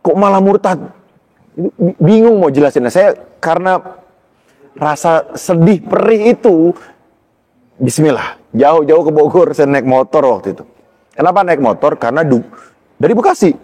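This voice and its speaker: A man recounting his life story in casual talk, animated and rising high when tense. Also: normal speed, big-room sound. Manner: animated storytelling, pitch jumps high in tense moments, laughs between lines. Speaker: guest telling his story. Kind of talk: personal testimony in casual talk.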